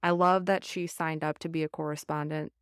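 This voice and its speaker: Low smooth Southern woman, earnest. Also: level tone, fairly quick, dry recording, studio quality. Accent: Southern American. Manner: earnest, reflective, many fillers. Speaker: book club podcast host. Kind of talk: casual book discussion.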